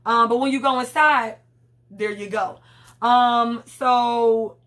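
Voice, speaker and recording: Woman, casual recap vlogger, blunt, profane, rambling, somewhat high voice. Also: steady tone, takes it slowly, fairly bright tone. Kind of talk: casual reality show recap.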